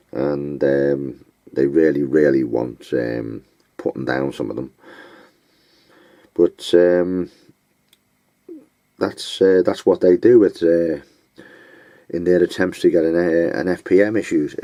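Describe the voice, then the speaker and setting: Very deep-voiced blunt, scornful man. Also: warm tone, dry recording. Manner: blunt, scornful, name-calling; halting, with many fillers. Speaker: vlogger giving advice. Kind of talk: unscripted monologue.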